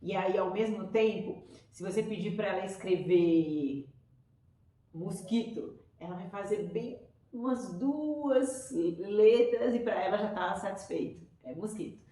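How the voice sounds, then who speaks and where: An enthusiastic woman teacher with a Brazilian Portuguese accent talks parents through a lesson in a chatty, explaining way. Her voice sits in a middle pitch. It comes from some distance from the mic and rings in a very echoey room. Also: slow, warm tone.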